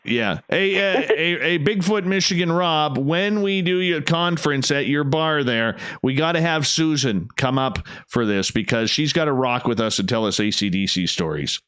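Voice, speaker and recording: Clear-voiced male talk radio host, dry sound. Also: a little high, normal speed, few pauses, fairly bright tone, no echo. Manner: effusive, emphatic, repeats phrases. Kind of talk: casual late-night talk radio hosting.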